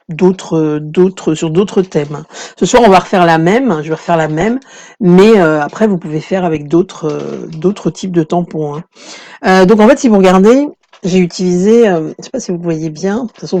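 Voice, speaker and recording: A woman's voice: lowish voice, mellow. A woman hosting a live craft tutorial stream, chatting casually with many fillers and greeting viewers as their comments come in. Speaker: craft workshop host.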